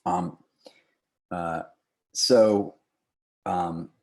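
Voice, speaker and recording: A man's voice: low-pitched, steady tone, extremely slow, dark tone. A man lecturing on screenwriting, explaining with fillers and frequent "right?".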